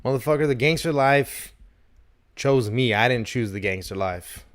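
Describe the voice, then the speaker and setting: A man's voice: mid-range voice, normal speed, a little hiss or hum. A man in his thirties co-hosting a comedy podcast, rambling and joking with lots of swearing. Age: 30s. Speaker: podcast co-host. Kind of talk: casual chat.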